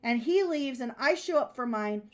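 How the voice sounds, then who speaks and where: A woman's voice: high voice, expressive, moderate pace. A woman co-hosting a casual chat show, giving emphatic advice and repeating her key points. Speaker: podcast co-host.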